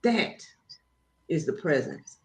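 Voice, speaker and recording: A woman guest in casual spiritual conversation, telling stories in an animated, preachy way. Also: low-pitched, slow. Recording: roomy, dull, faint noise.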